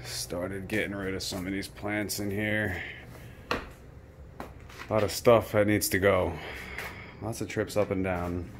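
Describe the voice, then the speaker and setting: Low-voiced man giving an offhand walkthrough. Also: takes it slowly, pauses often, background noise. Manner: relaxed, offhand commentary while walking. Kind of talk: casual handheld walkthrough. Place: campus grounds outdoors and building interior with greenhouse. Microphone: handheld camera.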